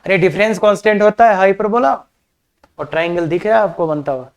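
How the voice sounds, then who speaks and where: A man's voice: sits high, fast, muffled recording. A man teaching a maths class, chatty, mixing English terms into his talk and calling the students kids. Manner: addresses students as kids, asks rhetorical questions. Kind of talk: classroom lecture on coordinate geometry.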